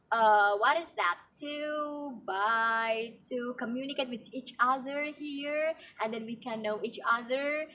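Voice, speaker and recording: Young female tour guide, Indonesian accent, higher voice, halting delivery, recorded at a distance with some faint noise. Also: a bit bright. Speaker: tour guide in a student role play.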